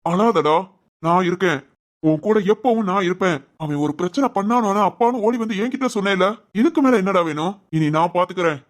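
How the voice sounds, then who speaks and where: A man voicing a firm but loving village father in an animated family drama, with a Tirunelveli Tamil accent and a reassuring manner. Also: sits high, a little fast. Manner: steady, reassuring.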